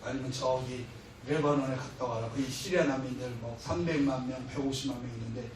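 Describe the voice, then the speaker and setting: A middle-aged missionary speaker tells humorous stories in a sermon and acts out what people said, his mid-range, darkish voice moving a little fast. The church hall sounds echoey and distant, with a little hiss or hum.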